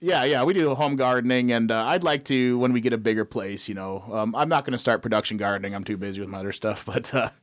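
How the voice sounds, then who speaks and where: A young man, an auctioneer from North Dakota, chatting casually in an interview and dropping into rapid auction chants. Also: mid-range voice, dry recording. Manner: rattles off rapid auction chants and tongue twisters. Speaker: auctioneer guest.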